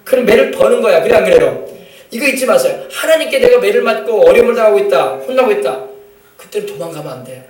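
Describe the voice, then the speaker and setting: A male pastor delivers an animated sermon at a brisk pace in a high, bright voice, emphasizing his points, calling out to the congregation and acting out family scenes. Recorded from a distant mic in the church sanctuary, the sound is echoey.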